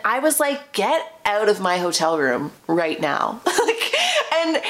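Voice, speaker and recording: A woman's voice: mid-range voice, fairly bright tone. A woman hosts a casual storytime podcast in a mid-range voice. She is chatty and confiding, and her loose phrasing is full of fillers. She tells a personal dating story as if to a friend. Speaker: podcast host.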